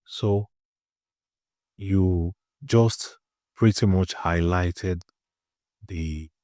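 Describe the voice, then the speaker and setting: A man hosting a podcast interview, asking calm, measured questions and offering short acknowledgements. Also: deep voice, no echo, clean studio sound. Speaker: podcast host.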